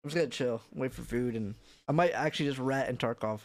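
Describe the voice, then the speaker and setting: A man's voice: mid-range voice, fast talker, no room sound. A man streaming and chatting with viewers in a loose, mumbling way, heard through a livestream headset mic. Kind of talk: casual chat with viewers.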